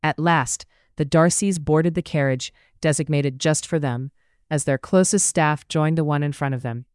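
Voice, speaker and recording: A steady audiobook narrator reading a romance novel in a measured way, voice smooth and resonant. The recording is close with a dry sound. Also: mid-range voice, no echo.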